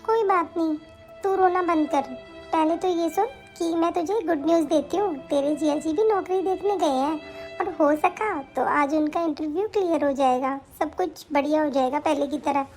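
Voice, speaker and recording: A woman's voice: high voice, normal speed, darkish tone, soft background music, lightly acted. A woman voicing a kind, comforting elder sister-in-law. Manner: soothing, reassuring. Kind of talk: animated story voice acting.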